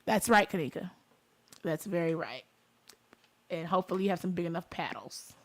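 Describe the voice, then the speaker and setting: A woman's voice: fairly low pitch, lively intonation, normal speed. A woman with a Detroit accent hosting a talk show in an informal, conversational way, speaking straight to her listeners. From Detroit, United States. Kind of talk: casual talk show chat.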